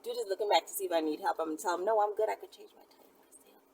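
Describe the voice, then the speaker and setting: With a mid-range, darkish voice, a woman races through a casual question-and-answer video she's hosting. She chats frankly and emphatically in a conversational tone, recorded on a distant mic with clear background noise.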